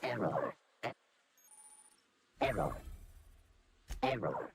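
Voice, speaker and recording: A malfunctioning security robot with a glitching robotic voice filter, giving flat, stuttering machine alerts. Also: sits low, very slow, creaky, slight background noise, exaggerated voice. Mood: glitching alarm.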